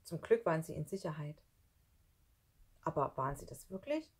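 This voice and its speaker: Female audiobook reader, husky and low-pitched, suspenseful storytelling. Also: very animated, normal speed. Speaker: audiobook narrator. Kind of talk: children's audiobook reading.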